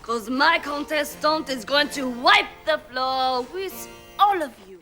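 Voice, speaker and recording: A woman's voice: high-pitched, slow, bright, forceful tone, soft background music, heavily acted. An actress playing a spirited, theatrical young woman sidekick in a TV episode. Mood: boastful. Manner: theatrical, hammy, earnest. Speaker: actress in a TV show clip.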